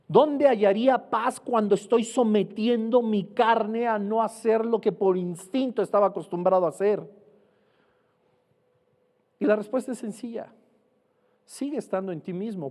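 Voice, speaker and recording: High-voiced preacher, reverberant. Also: male voice, a little mellow. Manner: earnest teaching, rhetorical questions, stresses words slowly. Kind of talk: sermon.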